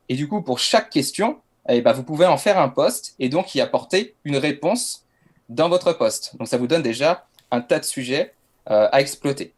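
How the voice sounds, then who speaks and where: A French man presenting a masterclass on writing social media posts, casual and hesitant with frequent fillers. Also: mid-range voice. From France. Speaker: LinkedIn content coach.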